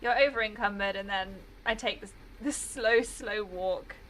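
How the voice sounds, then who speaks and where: A woman's voice: mid-range voice, unhurried, a bit bright, slight background noise, low-quality recording. A British woman chatting casually while streaming a game, rambling and laughing often. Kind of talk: casual gameplay commentary.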